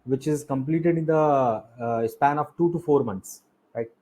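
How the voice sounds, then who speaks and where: Speaking a little slowly in a mellow, medium-pitched voice, a coaching instructor with an Indian accent walks through slides. His explanatory lecture circles back to key points and poses rhetorical questions.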